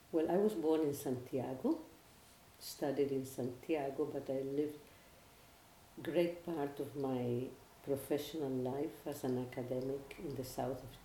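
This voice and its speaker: An older former academic and researcher with a Chilean Spanish accent gives personal testimony as an interviewee, speaking in a measured, reflective way and often pausing to restart phrases. Her tone is mellow and mid-pitched, and the roomy recording carries a faint hiss.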